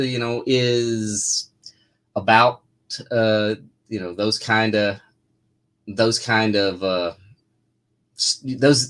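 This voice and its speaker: A man who writes comics, answering viewer questions in a casual live chat, rambling with lots of fillers and restarts. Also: mid-range voice.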